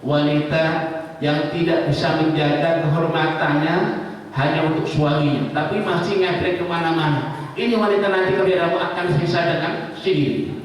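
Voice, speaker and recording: A man preaching in a mosque, telling a religious story with lively voices and often addressing the listeners directly. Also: a little high, normal speed. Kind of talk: mosque sermon. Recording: echoey hall, distant mic.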